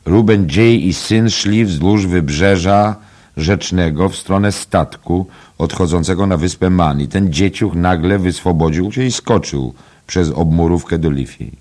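A man voicing a genial male mourner telling an anecdote in a loud, raised voice, in an audiobook reading. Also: sits low, expressive, normal speed, hardly any pauses, voice pushed up. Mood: animated.

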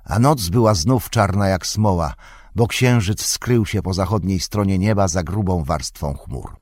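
A man narrating an audiobook in a steady, measured reading. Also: sits low, no room sound. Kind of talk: scripted narration.

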